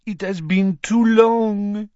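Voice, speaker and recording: A man's voice: high voice, fairly even intonation, takes it slowly, a little mellow, no echo, pitched above the performer's own voice. Man voicing Fleur Delacour, airy graceful young woman. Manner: airy, lilting and sweetly condescending. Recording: dull lo-fi audiobook recording.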